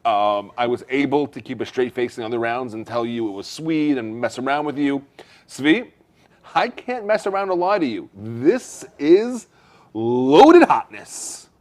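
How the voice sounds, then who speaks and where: Lively, teasing male talk-show host. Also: mid-range voice, a little slow. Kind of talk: playful talk-show hosting. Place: restaurant.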